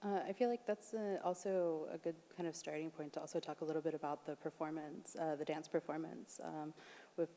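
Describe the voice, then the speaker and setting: Deep-voiced woman moderating a panel. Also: steady tone, brisk, warm tone. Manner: hesitant, many fillers. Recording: long hall reverb, faint noise.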